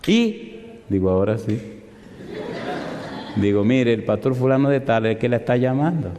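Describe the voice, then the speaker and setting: Un pastor que predica y cuenta una historia, imitando con viveza las voces de una llamada telefónica. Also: male voice, medium pitch, normal speed, a crowd in the background. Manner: animated, acts out both sides of a phone call. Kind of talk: sermon with storytelling. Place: large hall in London. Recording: reverberant hall.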